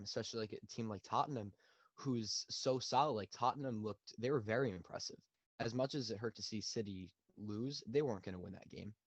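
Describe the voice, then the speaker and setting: A man's voice: lowish voice, no echo. Rambling young man on a lo-fi mic. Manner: rambling, many fillers and restarts. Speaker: podcast co-host. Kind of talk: casual sports analysis. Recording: dull lo-fi dry sound.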